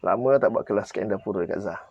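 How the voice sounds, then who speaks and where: A man's voice: lowish voice, fairly quick, gravelly, a little mellow, lo-fi sound, slight background noise. Malaysian man teaching a live grammar class. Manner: quizzes viewers, presses them to comment and answer. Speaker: Arabic teacher.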